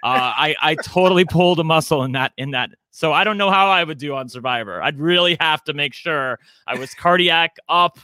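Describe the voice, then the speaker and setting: A man's voice: on the high side, brisk, few pauses, sharp tone, no room sound. A man in his forties co-hosting a podcast, talking in a chatty, campy, self-deprecating way. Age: 40s. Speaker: podcast co-host. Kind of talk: casual chat.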